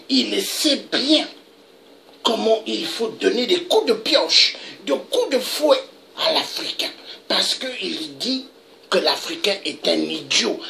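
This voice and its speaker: Woman, political commentator: slow, indignant rant with a gravelly edge and sharp, high tone. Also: a little hiss or hum. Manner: emphatic, indignant, with dramatic pitch leaps. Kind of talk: impassioned political monologue.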